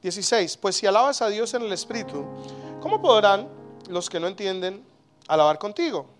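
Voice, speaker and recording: A man in his thirties preaching a sermon as pastor, animated, with sudden loud exclamations. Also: sits high, brisk, soft background music.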